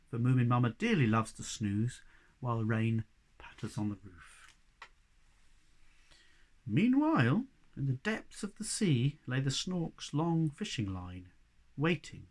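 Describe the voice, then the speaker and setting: Brief: teacher reading a children's chapter book aloud, lively pitch, fairly high voice for a man. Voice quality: expressive, animated reading. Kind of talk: storybook read-aloud.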